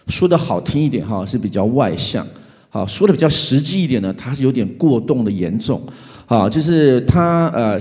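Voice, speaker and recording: A middle-aged pastor giving an animated testimony sermon, acting out his own reactions as he tells the story. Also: mid-range voice. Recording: long hall reverb.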